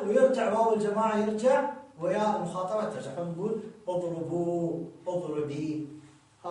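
High-voiced teacher, echoey room. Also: male voice. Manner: repeats examples slowly, tells listeners to notice. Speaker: Arabic grammar teacher. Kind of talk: explaining grammar rules with examples. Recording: very echoey room, distant mic.

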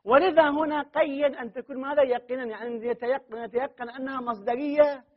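A man's voice: extremely high pitch, steady tone, quick pace. A man with an Iraqi accent giving a classroom grammar lecture as a seminary teacher, often putting questions to his students and then answering them himself. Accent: Iraqi Arabic. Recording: muffled lo-fi recording.

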